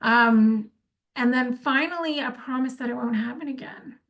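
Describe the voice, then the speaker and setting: A woman's voice: on the high side, moderate pace, a bit bright. Woman coaching on effective apologies. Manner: conversational, frequent fillers and restarts; acts out sample apologies in quoted speech. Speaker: workplace conflict educator. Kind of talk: informal instructional talk.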